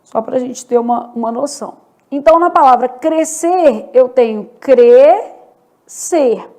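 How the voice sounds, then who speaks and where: A Brazilian woman teaching a Portuguese grammar lesson, slow and deliberate, asking questions and answering them herself. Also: sits high, darkish tone. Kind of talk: exam-prep grammar lesson.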